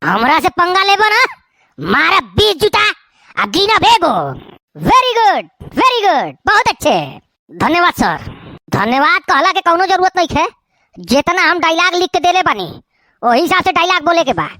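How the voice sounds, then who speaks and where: A woman's voice: very high-pitched, big pitch swings, a little slow, sharp tone, dry recording, clean studio sound, exaggerated voice. A woman with a Bhojpuri accent voicing bickering village men and a fussy film director in a comedy cartoon, teasing and stammering through the lines. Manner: teasing, quarrelsome banter with stammers. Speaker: cartoon voice actor.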